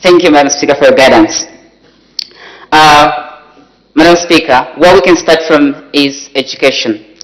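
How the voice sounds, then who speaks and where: A young male student with a Zambian accent gives a formal parliamentary debate speech, halting and often repeating words as he searches for the next phrase. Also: a little high, a bit bright, low-quality recording. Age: teenager or young adult student. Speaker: youth parliament member debating a motion. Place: debating chamber.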